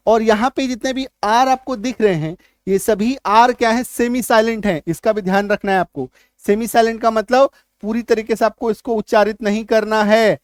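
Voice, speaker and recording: Man teaching, quizzing with quick questions. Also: sits high, no echo, clean studio sound. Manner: repeats points and quizzes the listener with quick questions; drills word lists aloud, one word at a time. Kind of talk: spoken classroom lesson.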